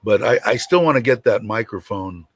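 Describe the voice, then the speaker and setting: A man with a deep, rumbling voice hosting a casual livestream, rambling and hesitant as he chats. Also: lively intonation, moderate pace, husky, no echo. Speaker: host of a livestream show.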